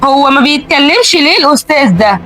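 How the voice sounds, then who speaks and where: Woman playing high-voiced anxious Egyptian female journalist. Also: expressive, fast, fairly bright tone. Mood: polite. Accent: Egyptian Arabic. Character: young female journalist, anxious but composed hotel guest. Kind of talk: dramatic horror story character acting.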